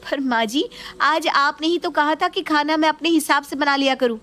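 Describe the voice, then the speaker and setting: A woman voicing a short-tempered young wife in a sharp, indignant way. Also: high voice, moderate pace, pitched above the performer's own voice. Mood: protesting.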